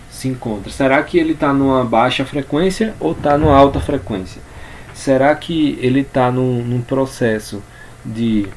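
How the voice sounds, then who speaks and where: A man with a Brazilian Portuguese accent giving an informal spoken lesson on communication, unhurried and repeating words as he explains. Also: medium pitch, darkish tone, slight background noise. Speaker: communication coach.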